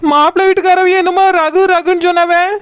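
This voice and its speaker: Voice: extremely high pitch, level tone, quick pace, background noise. A performer voicing an anxious, meddling young village woman in a cartoon, pleading and earnest. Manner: pleading, earnest, tearful at times. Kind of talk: cartoon voice acting.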